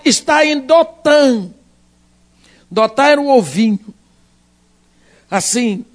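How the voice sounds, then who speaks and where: A man preaching a sermon, swinging dramatically between shouts and hushed asides. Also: extremely high pitch.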